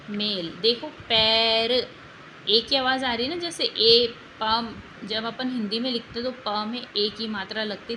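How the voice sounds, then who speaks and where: A woman's voice: a little high, noisy background. A woman teacher giving an exam-prep language lesson, patiently repeating example words and checking in with her students.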